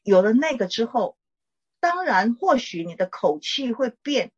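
A middle-aged woman, a pastor's wife, gently teaching and counseling a caller in a chatty way with small laughs. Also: on the high side, very animated, unhurried, slightly rough, muffled recording. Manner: warm conversational teaching, frequent "哈" tags and laughs.

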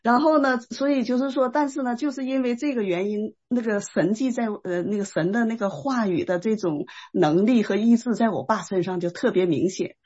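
A woman telling a personal faith testimony in a casual, animated way, with many fillers. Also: fairly high pitch, fairly quick, hardly any pauses, husky. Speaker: guest sharing a testimony. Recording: dull lo-fi sound.

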